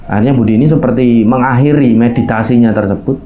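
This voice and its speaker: Speaking at a quick pace in a mid-range voice, this Javanese-accented man recounts a hike he took up a mountain, with the high frequencies cut off. His style is colloquial: he addresses the audience directly, performs the lines people said, and mixes in local expressions.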